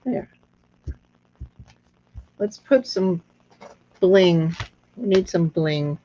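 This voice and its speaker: Female craft host, reedy and squeaky yet lowish in pitch, unhurried, thinking out loud, dull lo-fi audio. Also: animated, a little hiss or hum. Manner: unhurried, thinking aloud with pauses. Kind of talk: casual hands-on craft demonstration. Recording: dull lo-fi sound.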